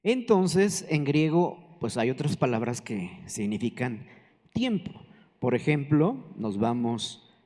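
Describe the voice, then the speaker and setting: A man's voice: mid-range voice, big pitch swings, takes it slowly, a little mellow. A man, preaching a conversational sermon and asking the congregation questions. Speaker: pastor. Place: church hall. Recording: reverberant church hall.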